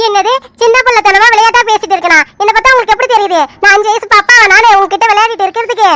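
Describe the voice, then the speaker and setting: A woman voicing Poomari, a playful and quick-tempered young village woman in an animated serial, who argues in rapid, indignant bursts. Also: very high-pitched, over music. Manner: indignant, rapid back-and-forth arguing. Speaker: cartoon character.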